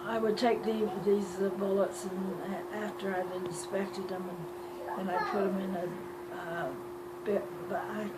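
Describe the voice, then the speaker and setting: Elderly woman, elder telling story, slow delivery, halting, repeats phrases, informal reminiscence, very noisy home recording. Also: mid-range voice, fairly even intonation. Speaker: grandmother telling life stories. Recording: loud background noise, amateur home recording.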